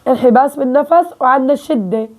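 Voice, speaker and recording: High-pitched woman, Levantine accent, casual recitation teacher, explains step by step and checks in often. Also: fast, darkish tone. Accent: Levantine Arabic. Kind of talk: casual spoken lesson.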